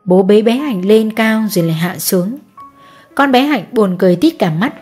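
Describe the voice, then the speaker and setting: A woman reading a family story aloud as an audiobook narrator, in a steady, even delivery. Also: mid-range voice, moderate pace, breathy edge, faint music behind.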